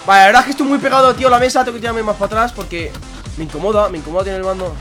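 A young man giving excited gameplay commentary at a desk microphone, yelling and laughing at the game. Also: high-pitched, very fast, over music. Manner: yells and laughs at the game, rambling. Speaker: gaming YouTuber.

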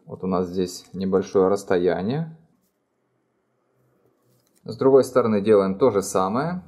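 A middle-aged man with a fairly low voice talks through an origami tutorial step by step. His delivery is calm and plain, explaining each fold as he works at an indoor table. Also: unhurried. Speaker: origami instructor. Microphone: overhead camera framing hands only.

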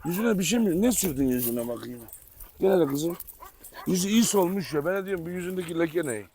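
A man's voice: a little high, lively intonation, fairly quick. A man running a casual farm vlog, calling and coaxing his dogs while talking to viewers. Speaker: dog breeder vlogger. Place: outdoor farm with dog cages. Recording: loud background noise and barking dogs.

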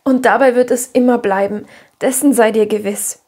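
A woman voicing a gentle, practical young girl who speaks softly and earnestly in an audiobook. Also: fairly high pitch, steady tone, normal speed. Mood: tearful, earnest.

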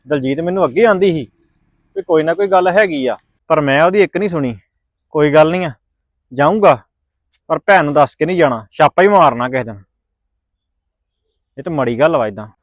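A man playing a calm younger brother who consoles his brother-in-law on the phone. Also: a little high, fairly quick, long pauses, no echo, dull audio, lightly acted. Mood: consoling. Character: younger brother of the mother, reassuring on a call. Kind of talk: family drama vlog acting.

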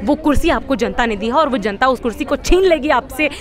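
A young woman with a high voice speaks as a student activist at an outdoor street protest. She talks in a fiery, rhetorical way, stumbling over restarts as she builds her point, with several handheld press mics held close to her. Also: expressive, a little fast, music in the background. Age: young adult. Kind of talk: impassioned street interview.

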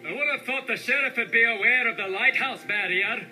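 An actor playing a grumpy, drowsy old cartoon lighthouse keeper, cranky and unimpressed, heard from a television. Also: male voice, extremely high pitch, brisk, pushed and bright, heavily acted, low-quality recording. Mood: cranky, dismissive. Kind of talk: animated cartoon acting. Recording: played from a television, re-recorded. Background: cartoon music.

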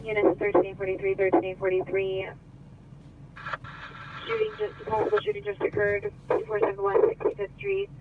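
Male police dispatcher over scanner radio; high, rapid, repeats codes, distant and heavy with static. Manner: repeats unit numbers and incident codes in a brisk monotone. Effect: scanner radio transmission. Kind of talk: clipped radio dispatch calls. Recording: tinny, distant, noisy radio scanner audio.

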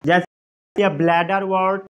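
A man's voice: sits high, flat delivery, slow, a bit bright, a little hiss or hum. A man with an Indian accent teaching a science lesson, repeating each point, quizzing the class and dictating notes. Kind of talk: classroom lecture.

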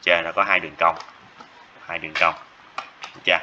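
Male teacher, lowish and forceful, keeps repeating and checking in with students; muffled lo-fi classroom capture. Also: level tone, fast. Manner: repetitive, checks in with students often. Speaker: math teacher. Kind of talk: classroom lecture. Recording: dull lo-fi classroom recording with faint noise.

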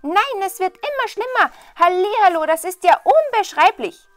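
A woman voicing a foolish, cheerful young peasant lad who shouts with glee. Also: very high voice, normal speed, no room sound, voice pushed up. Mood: gleeful. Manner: excited, shouting gleefully.

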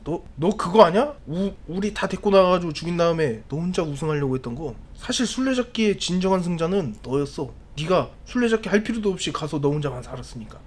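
A man's voice: on the high side, animated, fast, hardly any pauses, slightly rough, pitched below the performer's own voice. A man voicing a cowardly young man who stammers out apologies and later turns bitter and threatening. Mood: menacing. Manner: stammering, pleading, then bitter and snarling. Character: cowardly young man pleading, then turning vicious.

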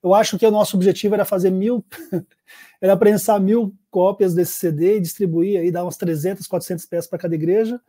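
A Brazilian man with a very dark, mellow tone and a fairly high pitch speaks as a podcast guest. He recalls the past thoughtfully, pausing and hedging as he goes. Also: fairly even intonation. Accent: Brazilian Portuguese. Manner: reflective, hesitant recollection. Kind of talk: casual conversation.

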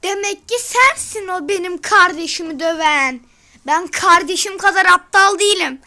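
Tough big-brother robot, played by a woman, loud, taunting, boastful, very high bright voice. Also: normal speed, full character voice.

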